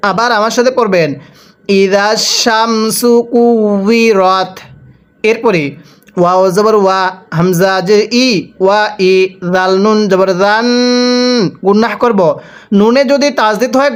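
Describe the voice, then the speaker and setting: A man from Bangladesh teaching Quran reading in a recitation spelling lesson. He spells each syllable slowly and has listeners repeat after him. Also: sits high.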